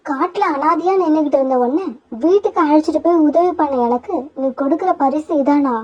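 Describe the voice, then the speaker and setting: A loyal, heartbroken mother sparrow in a cartoon, voiced by a woman, pleading and grieving. The voice is high and a bit muffled, with a lo-fi sound. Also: brisk, mellow, natural voice. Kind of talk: cartoon voice acting. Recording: dull lo-fi sound.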